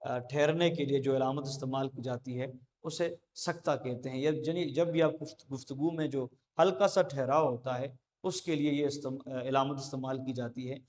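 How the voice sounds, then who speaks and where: A man giving a classroom lecture at a board, explaining slowly with frequent pauses and fillers. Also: medium pitch, steady tone, darkish tone. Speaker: teacher. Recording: long hall reverb.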